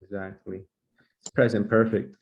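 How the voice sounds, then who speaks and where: A man teaching English in a brisk, encouraging way, drilling grammar with his class in a comedic sketch. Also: lowish voice, flat delivery, a little mellow. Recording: slightly muffled lo-fi recording.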